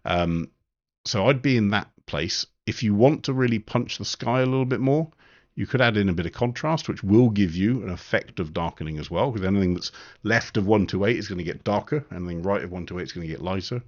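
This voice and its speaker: A man giving a live-streamed photo editing tutorial, relaxed and thinking aloud with frequent ums. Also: on the low side, brisk, lo-fi sound.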